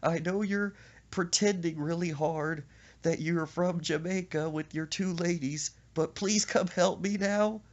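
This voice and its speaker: A man voicing a panicked young boy stuck between two fences, whining and pleading in a high voice. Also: a little slow, highs cut off, close to an everyday voice. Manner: high pleading whine, yelling.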